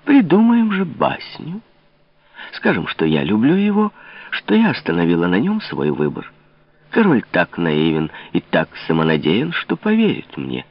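Male reader as an icy, mocking monarch, low and deliberate, lively, dull recording. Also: no echo, exaggerated voice. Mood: cold mocking. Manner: cold, low, measured sarcasm. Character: cold, mocking king, grown man.

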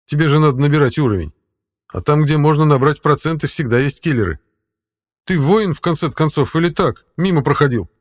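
Talking tomcat mentor, sardonic and raised in pitch, voiced by a male audiobook narrator. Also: expressive, a little fast. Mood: bossy. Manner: scolding, mocking. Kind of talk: audiobook character voice.

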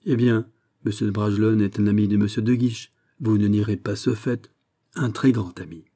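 A man reading an audiobook, voicing a haughty, sharp-tongued young princess with ironic, exasperated questions. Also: lowish voice, steady tone, moderate pace, close to an everyday voice. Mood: imperious.

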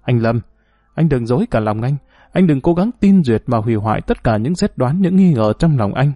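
A man's voice: medium pitch, animated, moderate pace, no echo, dull audio, faint music behind, lightly acted. A man reading as a bitter, heartbroken young woman. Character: hurt, bitter young woman, former wife.

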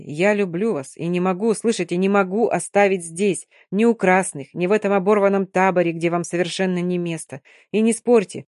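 A woman's voice: lowish voice, a little mellow, no room sound, lightly acted. Woman reading an earnest officer who wont take no, audiobook, dry close sound. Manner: insistent, pressing. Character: earnest officer in love, man.

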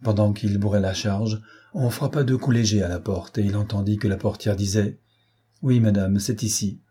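A man narrating a novel as an audiobook in a measured, deliberate reading. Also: fairly low pitch, fairly even intonation, warm tone, slightly rough. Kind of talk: scripted literary narration.

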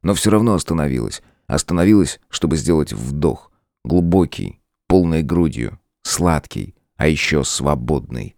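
A man narrating a fantasy audiobook in an expressive storytelling manner. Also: a bass voice, normal speed, vocal fry, no echo, studio quality. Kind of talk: scripted narration.

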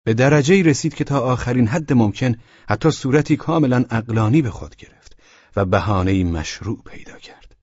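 A man with a husky voice reading a novel aloud in a measured, dramatic way. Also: mid-range voice, animated, a little mellow, no echo. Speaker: audiobook narrator. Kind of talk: scripted audiobook narration. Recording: dull dry lo-fi recording.

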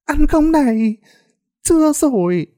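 A mad old village woman cackles and jeers in a piercing voice pitched far above a normal speaking voice, as a male narrator puts her on. She sounds unhinged and shrill. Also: lively intonation, takes it slowly, warm tone, heavily acted. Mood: taunting.

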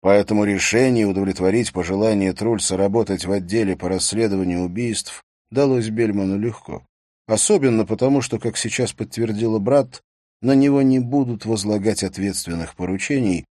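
A man reading a thriller audiobook in a measured, even storytelling voice. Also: lowish voice, no echo, clean studio sound. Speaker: audiobook narrator. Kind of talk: scripted audiobook narration.

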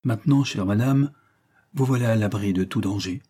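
A man voicing Vallière, a gentle and loyal older secretary, in a read-aloud novel, speaking calmly and reassuringly. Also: lowish voice, moderate pace, breathy edge.

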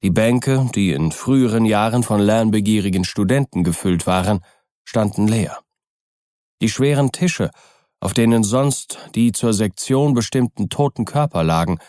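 A man narrating a classic novel as an audiobook, calm and even. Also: fairly low pitch, normal speed, dry recording, studio quality. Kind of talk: scripted literary narration.

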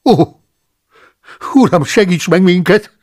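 A man voicing an irritable, easily alarmed abbot in an audiobook, speaking with a gravelly, husky edge. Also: medium pitch, exaggerated voice. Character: irritable fearful male abbot. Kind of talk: audiobook character voice.

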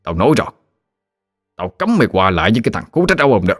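A man's voice: lowish voice, big pitch swings, rapid-fire, faint music behind. A man voicing a greedy, drunken village father who scolds and threatens harshly. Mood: furious.

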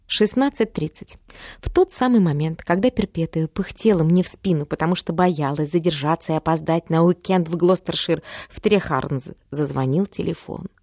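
A woman's voice: deep voice, normal speed, a little mellow, dry recording, studio quality. A woman reading a first-person diary novel aloud, in a wry, matter-of-fact manner. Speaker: audiobook narrator.

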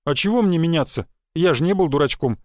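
A man's voice: a little high, no echo, clean studio sound, natural voice. A man voicing a touchy village boy, raised and sulky. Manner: blunt, quick to take offense.

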